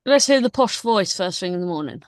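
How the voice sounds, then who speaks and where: A woman's voice: medium pitch, animated, fairly quick, dry recording, clean studio sound. A woman co-hosting a live stream, bantering in a teasing, matter-of-fact way. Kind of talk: casual live stream chat.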